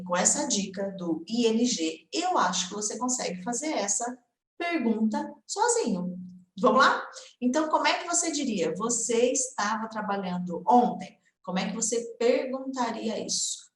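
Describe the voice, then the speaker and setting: A woman runs a live lesson, speaking in a lively, chatty way straight to her viewers. Her voice sits a little high. The room around her rings with noticeable echo. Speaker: English teacher. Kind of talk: live-streamed language lesson. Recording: echoey room.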